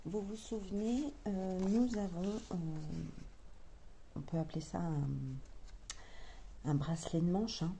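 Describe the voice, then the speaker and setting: A French-accented woman talks her viewers through a sewing project, pausing often to think aloud and hesitating over her words. Her voice is mellow and her pace unhurried. A faint hum sits in the background. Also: medium pitch. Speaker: sewing vlogger. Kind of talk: casual chat to camera.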